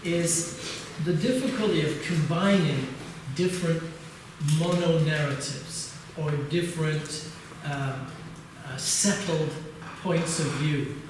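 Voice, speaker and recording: A man's voice: fairly high pitch, slow. An older man from England giving an academic conference lecture, hesitant, with many uhs and restarts. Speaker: keynote lecturer. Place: conference hall. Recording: distant mic, echoey hall, noise.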